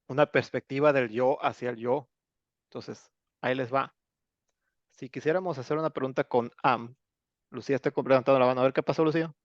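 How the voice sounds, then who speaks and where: A gravelly-voiced Mexican man explains grammar to his online class, chatty and full of filler words. His voice is dry and close, and the audio is dull and lo-fi. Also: medium pitch, no room sound. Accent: Mexican Spanish. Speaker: English teacher.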